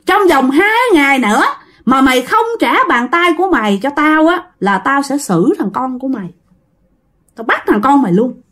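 A woman's voice: medium pitch, animated, moderate pace, dark tone, slightly rough. A woman voicing a vengeful old male ghost who threatens harshly in a raised voice. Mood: menacing.

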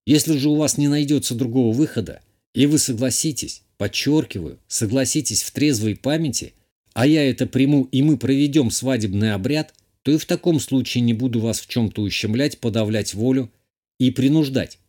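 A man playing a tense young male noble in an audiobook. He speaks in a measured way, holding back his anger. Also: mid-range voice, warm tone, lightly acted. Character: tense young male noble hero, restrained but quick-tempered.

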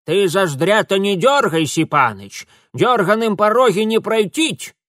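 A man voicing a shrill, bossy old village woman who scolds in rustic dialect in an audiobook. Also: sing-song, unhurried, fairly bright tone, no echo, studio quality, exaggerated voice. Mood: scolding. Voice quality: shrill, screeching. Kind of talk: audiobook character voice.

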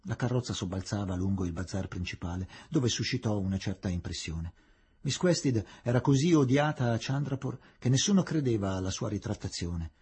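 A man reading a novel aloud in a varied, expressive way. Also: low-pitched, husky. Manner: expressive, shifting dramatic reading. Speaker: reader.

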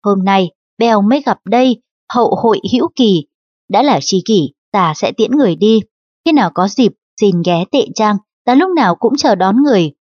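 A woman's voice: mid-range voice, animated, moderate pace, a little mellow, no room sound, natural voice. Woman voicing an old male host, formal and courtly, dry close sound, lo-fi audiobook. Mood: cordial. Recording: dull lo-fi audiobook recording.

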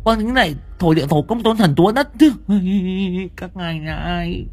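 A woman playing a loud, frantic village mother. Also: measured pace. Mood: praying. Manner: wailing, pleading, shrill. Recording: faint music behind.

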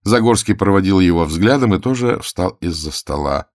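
A man giving scripted audiobook narration in an even, measured storytelling manner. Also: low-pitched, dry recording, clean studio sound.

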